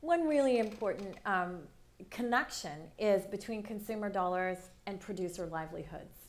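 Woman on stage panel, slow measured talk w lots of ums. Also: mid-range voice. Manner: measured, many "um" pauses. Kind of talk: panel discussion. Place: large auditorium stage.

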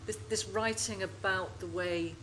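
Hosting a literary panel on a festival stage, a woman warmly thanks the writers and poses questions to them, hesitant and full of ums, before a live audience. Her voice sits at medium pitch with fairly even intonation and a measured pace, and the background is noisy.

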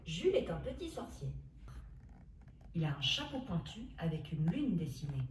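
A mother reading a short story aloud to her children in a slow, expressive voice. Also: low-pitched, reverberant, recorded from a distance, slight background noise, pitched below the performer's own voice.

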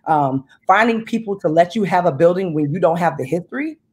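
A woman in her thirties on a video call from home, talking in an animated, emphatic way about money and business. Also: on the low side, fairly quick, slightly rough. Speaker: guest, business owner. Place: home room indoors. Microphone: video call webcam.

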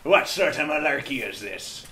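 A man's voice: mid-range voice, animated, moderate pace, bright, forceful tone. A man hosting a comedic drinking and painting show, talking like a pirate the whole way through in a hammy put-on manner. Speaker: host. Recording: roomy echo, mic at a distance.

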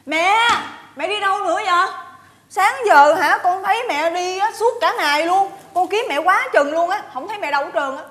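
An actress playing a fussy, nosy, dramatic daughter-in-law in a TV comedy sketch. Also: female voice, extremely high pitch, normal speed, fairly bright tone, reverberant. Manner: whiny, dramatic, prying questions. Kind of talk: TV sitcom acting.

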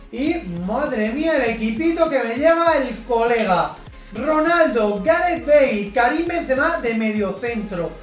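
A gaming YouTuber with a very high voice commentates live on his own football video game match, shouting at big plays and groaning when things go wrong because he excites easily. He sits back from the mic in an echoey room, recorded from a distance, with faint music underneath.

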